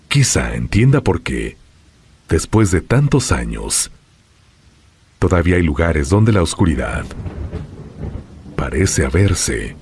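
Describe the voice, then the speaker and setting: Guy telling a scary story, really deep voice but swings up and down a lot, dramatic slow bits. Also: darkish tone, breathy edge. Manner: dramatic, slowing and dropping low on ominous phrases. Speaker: horror story narrator. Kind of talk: scripted horror narration.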